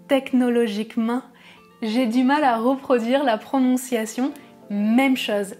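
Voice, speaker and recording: A woman from France, a French teacher, explaining pronunciation slowly and carefully in a lesson. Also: a little high.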